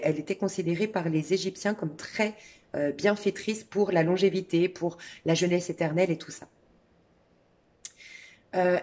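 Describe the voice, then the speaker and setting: Husky-voiced woman giving a calm tarot reading. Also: on the low side. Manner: calm, intimate, addresses listener directly with many fillers. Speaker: tarot reader. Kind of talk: spoken tarot and crystal reading.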